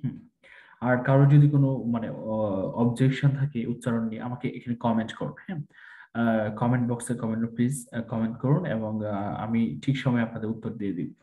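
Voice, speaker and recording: A man's voice: mid-range voice, steady tone, quick pace, echoey room, phone-quality sound. A man teaching English pronunciation online, repeating each word aloud and mixing English into his explanations.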